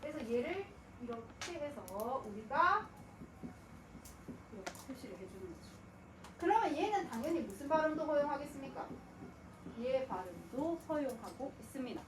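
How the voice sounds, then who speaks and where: Animated high-voiced woman teaching grammar. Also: normal speed, noisy background. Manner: asks and answers her own questions, voicing students. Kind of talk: lecture. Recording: echoey room, mic at a distance.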